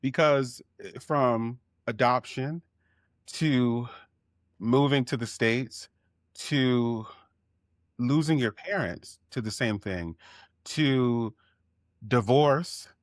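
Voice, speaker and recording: A man's voice: mid-range voice, drawn-out words, pauses often, no echo, clean studio sound. A man co-hosting a podcast, reacting to a colleague's story in an affirming way. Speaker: podcast co-host. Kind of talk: casual podcast chat.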